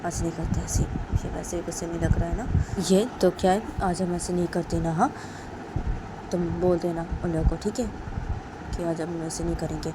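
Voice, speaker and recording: A woman acting out a gentle, cautious young woman speaking in a hushed, quieter voice. Steady noise and passing vehicles sit behind the storybook voice. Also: lowish voice, normal speed, lightly acted. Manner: soft, hushed. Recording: noisy background with passing vehicles.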